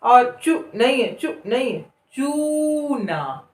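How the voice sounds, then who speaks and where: A Hindi reading teacher with a slightly high, fairly bright voice gives beginners a slow spelling lesson at a measured pace. She stretches out every long vowel and repeats each word several times, and the distant mic picks up a roomy sound.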